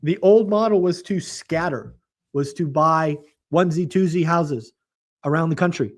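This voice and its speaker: A man with a slightly raised, somewhat hoarse voice that sounds like it's fading hosts a real estate show. At a normal speed, he gives market commentary bluntly and emphatically, with a mocking edge.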